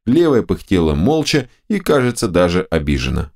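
A man narrating a first-person fantasy audiobook with expressive storytelling. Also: sits low, moderate pace.

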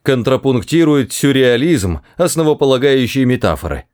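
A man voicing a quick-witted male alien hitchhiker for an audiobook, talking in a raised, quick, coaxing voice. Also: mid-range voice, very animated, a little mellow, voice pushed up, lightly acted. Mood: scheming.

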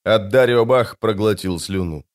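A man's voice: on the low side, moderate pace. Man narrating an adventure audiobook. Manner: expressive, lively storytelling.

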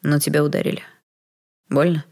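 A woman reading an audiobook, voicing a hooded male battle mage who speaks quietly, tersely and coldly. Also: on the high side, little pitch movement, a little fast, vocal fry.

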